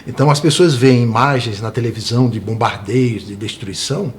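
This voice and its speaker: A man's voice: medium pitch, a little fast, a little hiss or hum. A man from Brazil, a tour guide, speaking earnestly as an interview guest and often adding tag questions.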